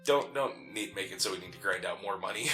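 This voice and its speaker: Low-voiced and sharp-toned, he speaks a little fast as co-host of a gaming let's play, full of joking, teasing banter and casual commentary on the game. He's a city man whose family comes from the mountains. A roomy echo and faint game music fill the background.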